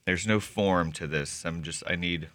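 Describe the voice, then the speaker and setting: A man's voice: low-pitched, measured pace, a bit bright, dry recording. A man co-hosting a morning radio show, chatting casually and hesitantly, fussy and particular in his opinions. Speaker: radio co-host.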